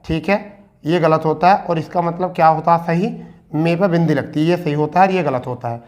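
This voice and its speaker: A man teaching an exam-prep Hindi spelling lesson, repeating each word and asking and answering his own questions. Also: a little high. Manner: addresses students as beta.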